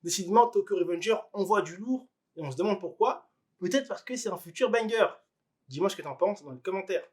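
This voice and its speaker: A high-pitched man runs through anime news in a casual vlog. He talks straight to the viewer, hesitates often and fills gaps with small fillers as he goes. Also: animated, a little fast, a little mellow. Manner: chatty, addresses viewer directly, many fillers. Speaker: anime news video host.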